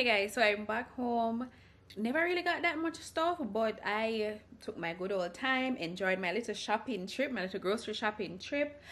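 A young woman, chatting casually as she vlogs a grocery run, filmed on a handheld camera at arm's length. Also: mid-range voice. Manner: chatty, loose grammar, thinks aloud. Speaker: vlogger. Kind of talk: casual vlog narration while shopping. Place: supermarket aisles, later a home kitchen. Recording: loud store music behind the voice. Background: store music.

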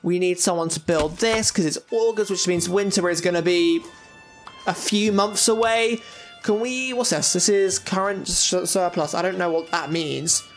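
A young man with a high, bright-sounding pitch chats through a game as he plays it, thinking aloud and tossing out jokey asides. Faint game music sits quietly behind his voice. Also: moderate pace. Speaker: gaming YouTuber. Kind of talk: casual let's-play commentary.

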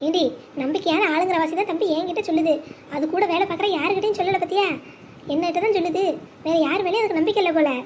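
A woman playing a nervous village husband in a cartoon, voiced unusually high and brisk. He keeps his voice low and secretive, full of worry. A faint hiss sits under the voice. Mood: hushed. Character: anxious middle-aged village husband, cautious and secretive. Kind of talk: animated storytelling.

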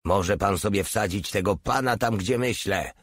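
A man's voice: fairly low pitch, moderate pace, no echo, studio quality. A man reading an audiobook, voicing a bullying, pompous male SS general who barks harsh orders. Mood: harsh, barking.

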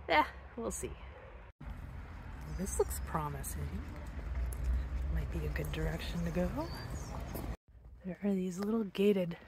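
Out on wooded hillside trails, this middle-aged woman films her hiking vlog and chats thoughtfully into a phone at arm's length. Her medium-pitched voice is a bit bright, and the outdoor phone recording picks up background noise.

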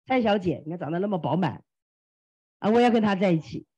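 Woman team leader, motivational testimony, husky and animated, dull lo-fi recording. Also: fairly low pitch, quick pace. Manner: animated, exclamatory, acts out quoted dialogue. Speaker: team leader sharing experience. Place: classroom.

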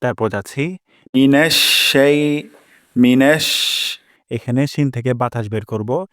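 A man teaching Quran recitation, explaining each sound patiently and drilling it through repetition, with slow, drawn-out chanted examples. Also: mid-range voice, dry recording, clean studio sound. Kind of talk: spoken lesson on Arabic pronunciation.

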